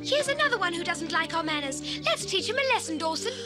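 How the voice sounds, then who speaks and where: A boisterous young boy prankster in a cartoon, mocking and rude. His voice is very high and bouncy. Loud music plays behind. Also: big pitch swings, fast talker. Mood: cheeky.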